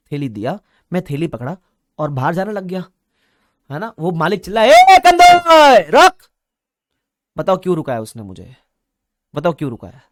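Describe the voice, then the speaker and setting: A young man teaching a live class, telling a playful story and acting out loud bits of dialogue. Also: fairly high pitch, no echo, clean studio sound. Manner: playful storytelling, acts out shopkeeper dialogue loudly. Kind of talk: live online class lecture.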